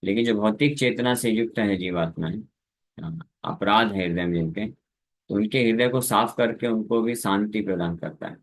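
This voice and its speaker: A man preaching a scripture lecture, explaining Sanskrit verses in Hindi with English words mixed in and sometimes singing the verses. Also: on the low side. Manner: sings verses slowly between spoken explanation.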